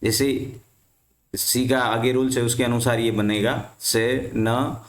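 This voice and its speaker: A man's voice: medium pitch, steady tone, takes it slowly, roomy sound. A male teacher explaining rules to students, who asks the class a question and then answers it himself.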